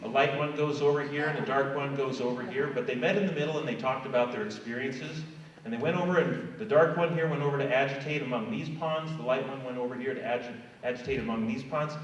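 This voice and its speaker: A man's voice: medium pitch, steady tone, quick pace, slight background noise. A middle-aged man giving a fervent, conversational conference talk. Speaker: keynote speaker. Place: large conference hall. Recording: echoey hall, far from mic, dull.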